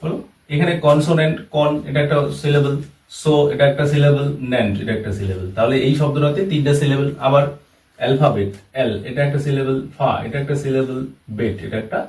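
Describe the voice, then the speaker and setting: A man's voice: medium pitch, a little mellow. A man explaining a language lesson step by step, repeating each term and example. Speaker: English teacher. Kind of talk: classroom-style lesson explanation. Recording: roomy echo, voice from far off the mic.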